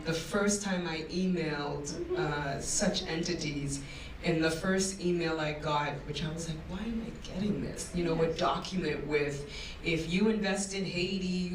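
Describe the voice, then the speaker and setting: A woman on a panel speaks candidly and with some animation about her business path. She is heard from a distance in a roomy hall with a faint hum of noise. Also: fairly low pitch. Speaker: diaspora entrepreneur panelist. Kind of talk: panel discussion. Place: large conference room. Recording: echoey room, distant mic.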